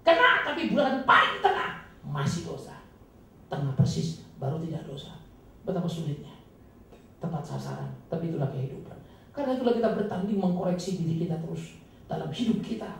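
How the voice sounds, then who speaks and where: A male pastor giving an emphatic, dramatic sermon with sudden loud, high bursts, recorded from a distance in a church hall. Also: sing-song, brisk, gravelly. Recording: echoey hall, distant mic, faint noise.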